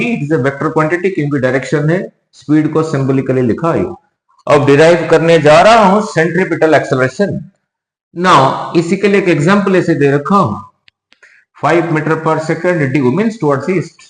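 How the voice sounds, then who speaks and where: A male physics teacher with an Indian accent gives a whiteboard lecture, explaining step by step, repeating key words, and mixing Hindi with English terms. His voice is a little high and a little slow, and the reverberant recording is poor.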